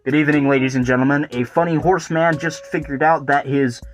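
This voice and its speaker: A man putting on a stiff, formal TV news anchor voice, delivered fast. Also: on the high side, steady tone, lo-fi sound, soft background music, close to an everyday voice. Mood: mock-serious.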